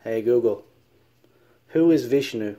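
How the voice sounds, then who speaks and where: A man's voice: medium pitch, a little slow, warm tone. A man with a Southern US accent talking casually to camera, hesitant and earnest with many ums and uhs.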